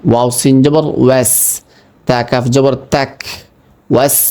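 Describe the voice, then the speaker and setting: A man teaching Quran reading, spelling each word slowly and patiently, letter by letter, then saying it whole. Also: mid-range voice, flat delivery, dark tone, smooth. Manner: chants the verse words in a drawn-out melodic recitation. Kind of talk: slow letter-by-letter recitation lesson.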